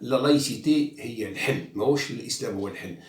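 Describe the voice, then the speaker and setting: A man's voice: medium pitch, fast talker, a little mellow, far from the mic. Algerian man ranting in an echoey room. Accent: Algerian Arabic. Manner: outspoken and mocking, mixing in French, many fillers and restarts. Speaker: journalist commentator. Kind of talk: casual monologue. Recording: echoey room, away from the mic.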